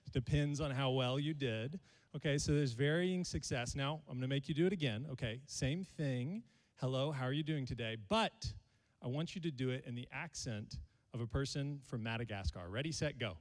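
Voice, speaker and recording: A man's voice: mid-range voice, moderate pace, in a large hall. A male pastor, preaching a sermon to his congregation and joking with them. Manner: playful, jokes with the congregation.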